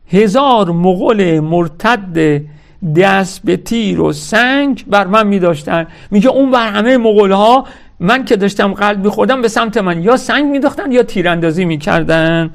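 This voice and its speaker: A man's voice: high voice, creaky. A man giving a religious lecture. He reads lines from a historical text, then explains them in everyday speech and tells his listeners what to note. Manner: addresses listeners directly, stressing key words.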